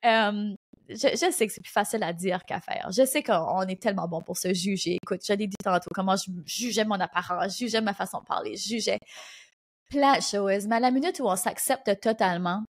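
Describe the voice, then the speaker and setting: A woman with an Acadian French accent hosting her own podcast, giving casual, energetic business advice at a fast clip. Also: mid-range voice. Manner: fast, animated, energetic talk. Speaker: podcast host and business coach. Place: indoor recording studio.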